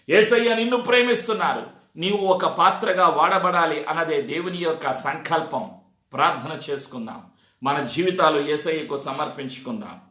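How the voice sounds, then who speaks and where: Exhorting his congregation, a preacher repeats phrases and fires off rhetorical questions, his sharp voice sitting high. The recording is reverberant and echoey.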